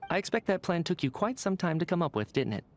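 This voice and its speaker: A wry, urbane gentleman in a video game. He talks quickly in a fairly high, lively voice with a mocking edge.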